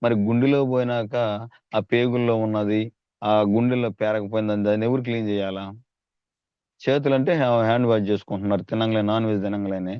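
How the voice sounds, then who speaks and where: A man's voice: lowish voice, fairly even intonation, fast, clear, resonant tone, no room sound, lo-fi sound. A man giving a persuasive sales training talk, calling on his listeners and asking rhetorical questions. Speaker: network marketing trainer.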